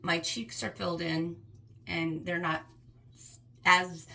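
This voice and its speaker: A woman's voice: on the low side, steady tone, slow, gravelly, pushed and bright, low-quality recording. A woman in her fifties speaking candidly and earnestly to camera in a personal vlog. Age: 50s. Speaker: vlogger.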